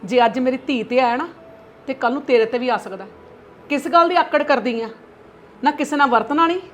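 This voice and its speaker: A woman's voice: medium pitch, normal speed, slight background noise, lightly acted. A middle-aged woman playing an aggrieved mother-in-law in a family drama skit, lamenting and scolding dramatically. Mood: stern reproach.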